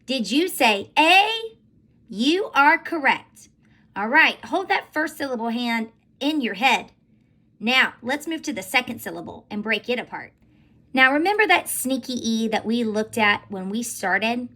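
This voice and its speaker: A woman teaching a recorded phonics lesson to young children in an animated, sing-song teacher voice. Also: a little high, unhurried. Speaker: elementary school teacher.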